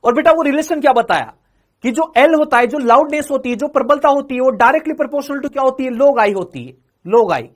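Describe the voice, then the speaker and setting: High-voiced male physics teacher, questioning. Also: moderate pace. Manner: keeps calling students "beta" and quizzing them with questions he answers himself; repeats each phrase several times. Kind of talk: exam-prep classroom lecture.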